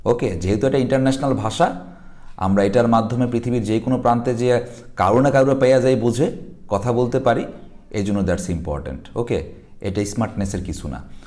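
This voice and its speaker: A male English teacher explains an exam passage in a chatty, conversational lesson, often pausing to check that students follow and using plenty of fillers. His voice is medium-pitched and warm, at a normal speed.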